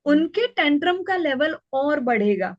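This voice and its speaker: High, dry-voiced woman, parenting coach, patient explainer, dull call audio. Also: a little slow, no room sound. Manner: calm, explanatory, acts out child and mother lines. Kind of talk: online parenting class.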